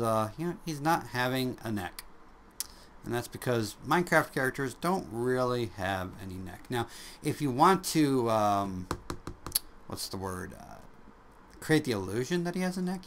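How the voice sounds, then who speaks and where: A man's voice: mid-range voice, fairly bright tone, slight background noise. A man casually narrating a drawing tutorial, rambling and joking at his own expense. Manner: rambling, jokey, self-deprecating, chuckles often.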